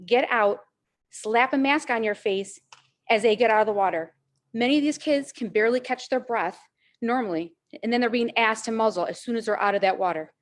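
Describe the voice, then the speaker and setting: Firm woman reading a public comment. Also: fairly high pitch. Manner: firm, insistent, reading a statement. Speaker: parent speaking at public comment. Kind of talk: prepared public comment statement.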